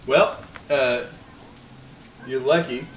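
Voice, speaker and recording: A man's voice: medium pitch, drawn-out words, roomy sound, distant mic, background noise. A man running a tabletop game as game master, narrating casually and laughing often.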